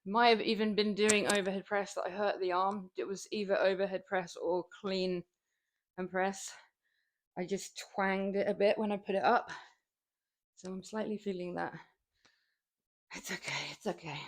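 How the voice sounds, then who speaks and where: A young fitness streamer from southern England, with a southern English accent, chats casually with her viewers while lifting weights. Her medium-pitched voice has fairly even intonation at a normal speed, and she pauses often, rambling and laughing frequently.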